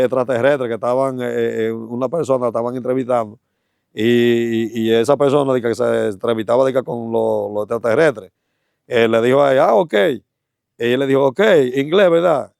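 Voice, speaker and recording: A man telling a testimony as an evangelist, halting often and repeating words as he talks. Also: mid-range voice, creaky, smooth, dry recording, studio quality. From Dominican Republic. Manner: halting, stammering repetitions, animated. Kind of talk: testimony storytelling.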